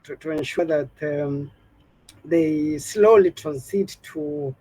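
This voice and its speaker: A man's voice: a little high, slow, warm tone, dry recording, rough recording. A man from Kenya speaking on a discussion panel, hesitant and searching for words. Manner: hesitant, many fillers and restarts.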